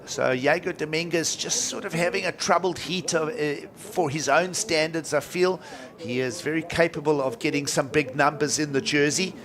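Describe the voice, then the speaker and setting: A man's voice: on the high side, moderate pace, crowd noise. A man working as a surf contest announcer, giving live commentary in a colloquial, enthusiastic way.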